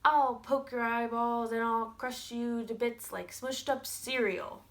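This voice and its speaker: A woman voicing the biggest male billy goat, whose voice is loud and mean as he threatens a troll in a children's storybook reading. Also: on the high side, fairly even intonation, slow pace, voice pushed up. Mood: menacing.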